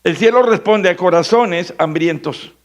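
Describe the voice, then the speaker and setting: A man's voice: sits high, measured pace, lo-fi sound. A man with a Mexican Spanish accent preaching a sermon as pastor, dramatic and acting out the voices of biblical figures. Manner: dramatic, acts out biblical voices, shifts from shouting to hushed.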